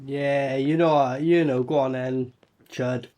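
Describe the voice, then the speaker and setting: A man's voice: medium pitch, steady tone, measured pace, a little mellow. A man with a British accent giving casual, crude, mocking commentary as he reacts to an old show. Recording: TV show audio and music behind.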